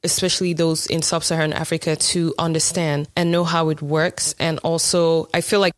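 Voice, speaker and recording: A woman's voice: low-pitched, little pitch movement, normal speed, dry recording, studio quality. A woman hosting an interview, effusive and encouraging toward her guest. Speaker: interview host. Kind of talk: casual interview.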